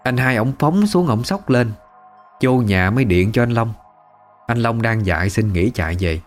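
A man's voice: medium pitch, expressive, moderate pace, soft background music. A man with a Southern Vietnamese accent narrating a first-person family story in a conversational, emotive way.

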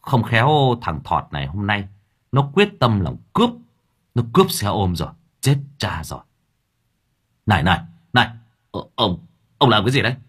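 A man voicing a hot-tempered male motorbike-taxi driver who talks loud, brash and crude. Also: lowish voice, big pitch swings, moderate pace, long pauses, husky, exaggerated voice. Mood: blustering angry.

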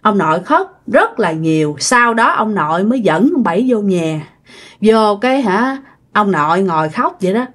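A woman's voice: mid-range voice, very animated, normal speed. A woman with a Southern Vietnamese accent telling a ghost story in a casual, chatty way, speaking directly to her listeners. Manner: chatty, addresses listeners directly, many tag particles.

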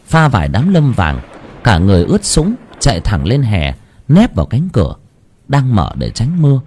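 A man tells a village ghost story. His husky voice rises and falls dramatically as he narrates in a folksy, expressive style. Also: medium pitch.

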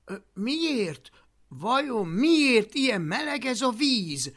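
Casting: young viking boy hero, earnest and eager, bright gravelly tone, woman reading. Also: a little high, sing-song, voice pushed up, exaggerated voice. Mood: puzzled.

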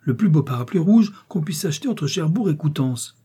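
A strong-willed young farm wife from an old storybook, giving orders in a firm, raised voice, as a man reads her aloud. The voice sits noticeably higher than the reader's own and stays dark and a little husky underneath. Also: expressive, a little slow, full character voice. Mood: eager. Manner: firm, commanding.

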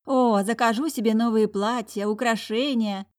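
A woman voicing a greedy, vain and bossy young noblewoman in a storybook, with a shrill, barking voice. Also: steady tone, moderate pace, darkish tone, close to an everyday voice. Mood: dreamy.

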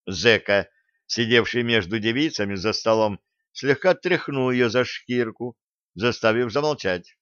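A man narrating a science-fiction audiobook in a measured, wry storytelling manner. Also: medium pitch, fairly bright tone, clean tone, no room sound. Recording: dull dry close recording.

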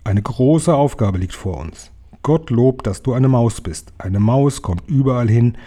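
A man's voice: medium pitch, lively intonation, a little slow, mellow. Man putting on a spirited old grandmother. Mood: eager. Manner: emphatic, exclaiming.

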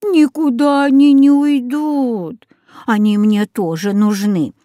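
A honeyed, scheming old witch drawls every word slowly in a mellow, slightly raised voice, voiced by a woman reading a storybook. She coaxes sweetly while plotting, each phrase stretched out. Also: a little high, steady tone, no echo, clean studio sound, pitched above the performer's own voice. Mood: sly coaxing. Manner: sweetly coaxing, sly, slow and drawn-out.

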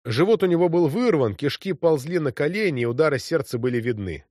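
A man's voice: a little high, animated, fairly quick, a little mellow, dry recording, clean studio sound. A man reading an audiobook story with vivid, dramatic narration.

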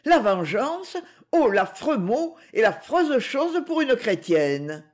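A reader voicing a gentle, pious young woman who speaks softly and pleads. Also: very high-pitched, sing-song, takes it slowly, voice pushed up, heavily acted. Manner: soft, pleading.

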